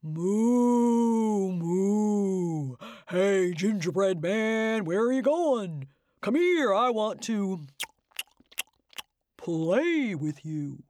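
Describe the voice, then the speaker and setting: A woman voicing a hungry cow that moos and coaxes in a drawn-out way. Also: medium pitch, animated, darkish tone, no room sound. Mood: coaxing. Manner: drawn-out coaxing. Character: slow mooing hungry cow.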